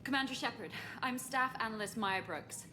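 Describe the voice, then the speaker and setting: An actress playing a young female military analyst who speaks in a hurried, urgent way. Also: on the high side, natural voice. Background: game music.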